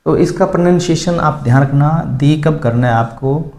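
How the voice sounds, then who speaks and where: A man with a slightly high, darkish voice teaches a grammar lesson at a moderate pace, speaking somewhat loudly. He works through it step by step, repeats the key words, and pauses to question his learners. The room sounds echoey.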